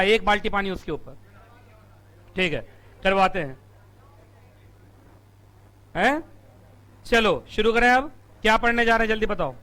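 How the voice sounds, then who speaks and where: A male company law teacher, giving a live classroom lecture. He teases the students, asks them questions and answers them himself, and his throat is strained from shouting. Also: high voice. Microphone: room mic.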